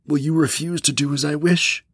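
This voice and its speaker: A man voicing an old bamboo cutter past seventy, gentle and pleading, with a gravelly, husky voice set a little higher than a plain speaking voice. He pleads slowly and earnestly, with a storybook tone. The sound is close and dry. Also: steady tone, no echo.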